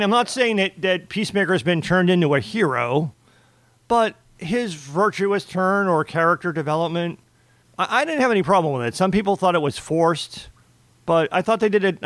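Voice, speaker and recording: A man's voice: high voice, dry recording. A man co-hosting a podcast, chatting casually and emphatically about a TV series. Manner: emphatic, restarts mid-sentence. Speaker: podcast co-host. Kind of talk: casual discussion.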